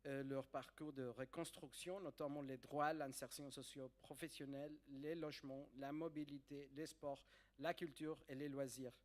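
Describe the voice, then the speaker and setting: A man who is not a native French speaker, with a foreign accent in French, introducing a guest to an audience in a halting way, repeating words as he searches for phrasing. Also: medium pitch, steady tone. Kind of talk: live spoken introduction to an audience.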